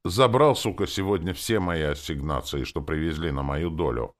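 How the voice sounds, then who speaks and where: A man's voice: extremely low pitch, moderate pace. A man voicing a cynical male tracker who talks coldly and swears in an audiobook. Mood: angry. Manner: cold, swearing. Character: cynical male tracker, cold and foul-mouthed. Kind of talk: audiobook character reading.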